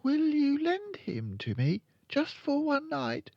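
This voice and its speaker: Young storybook heroine played by a narrator, bright-minded and determined, high voice, dry, slightly muffled sound. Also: wildly swooping pitch, takes it slowly, no room sound, exaggerated voice. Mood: admiring, coaxing. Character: clever, determined little girl.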